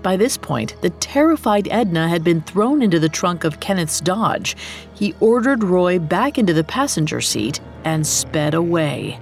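A woman's voice: on the low side, sing-song, a little slow, faint music behind. A woman narrating a scripted true-crime story in a dramatic, storytelling manner. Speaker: podcast narrator.

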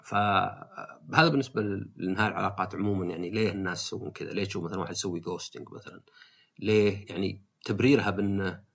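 A man hosts a podcast, talking through his ideas in a loose, thinking-aloud monologue, often restarting his sentences. His voice is low and husky. He speaks at a very rapid clip. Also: fairly even intonation, a bit bright. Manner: thinking aloud, frequent fillers and restarts, slips into quoted voices. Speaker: podcast host. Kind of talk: casual reflective monologue.

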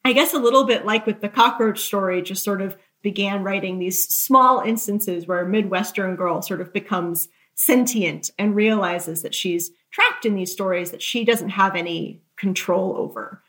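A woman author being interviewed speaks at a medium pitch and normal pace, barely pausing, her tone a bit bright. She recounts anecdotes conversationally and candidly, hedging loosely and running herself down in asides.

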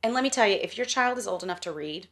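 A woman's voice: medium pitch, animated, very fast, a bit bright. A middle-aged woman from the American South, talking in a casual, emphatic podcast conversation and laughing now and then. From Southern United States.

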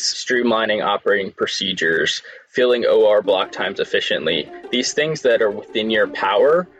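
A man's voice: fairly low pitch, fairly bright tone, dull audio. A male guest analyst answering interview questions thoughtfully, with small restarts.

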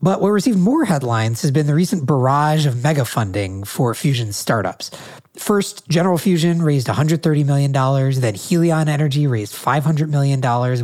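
A man's voice: mid-range voice, darkish tone. A man hosting a podcast interview, talking articulately with a nasal voice from a cold. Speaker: podcast host.

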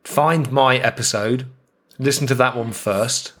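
A man chats on a podcast, cracking jokes and spinning anecdotes. His voice sits at an ordinary middle pitch, and he talks in a loose, playful way. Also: unhurried. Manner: jokey storytelling, animated impressions. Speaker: podcast co-host. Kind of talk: casual chat.

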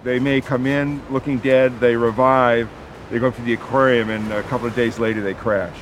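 An older man, a biologist, giving halting, matter-of-fact remarks in an interview. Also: medium pitch, fairly even intonation, slight background noise. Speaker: biologist, turtle rescuer.

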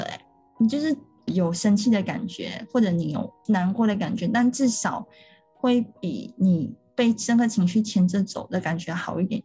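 Woman, podcast co-host, mellow tone, breathy edge, earnest and explanatory. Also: mid-range voice. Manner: earnest, explanatory, talks through steps. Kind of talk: casual chat.

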